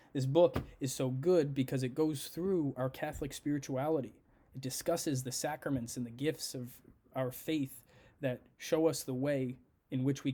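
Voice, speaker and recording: Earnest man with a soft, mellow voice. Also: mid-range voice. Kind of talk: prepared devotional message.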